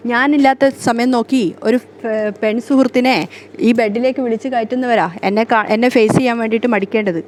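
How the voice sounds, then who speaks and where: A woman voicing a jealous, sharp-tongued young wife in a retold story, with quick, indignant retorts. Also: fairly high pitch, steady tone, slight background noise, natural voice.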